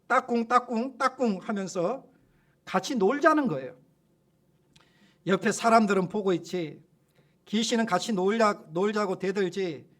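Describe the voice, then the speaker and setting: A male pastor preaching a sermon, telling a story in an animated way. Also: high voice.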